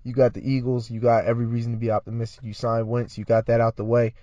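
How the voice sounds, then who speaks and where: A man's voice: mid-range voice, level tone, fast, dark tone, no room sound, muffled recording. A man co-hosting a casual sports podcast, laid-back and teasing, with lots of filler asides. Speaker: podcast co-host.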